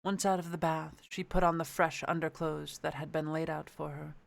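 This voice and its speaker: A man's voice: on the high side, level tone, moderate pace, creaky. A man reading a storybook aloud and chatting casually, with a playful, sweary manner. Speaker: amateur book reader. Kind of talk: casual chat and storybook narration.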